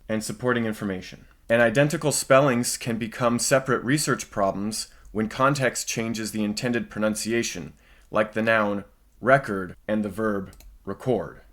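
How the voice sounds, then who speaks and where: Low-pitched man presenting a software demo. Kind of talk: scripted software demo narration.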